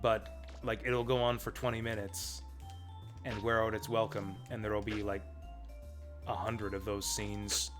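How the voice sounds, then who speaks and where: A man's voice: lowish voice, level tone, a little slow, pauses often. A man streaming a game, giving casual, rambling, enthusiastic fan commentary. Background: video game music and dialogue.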